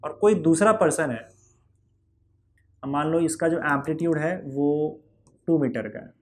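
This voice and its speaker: A man's voice: fairly high pitch, a little slow. A man teaching a physics lesson in a patient way, repeating key points and asking whether the class has understood.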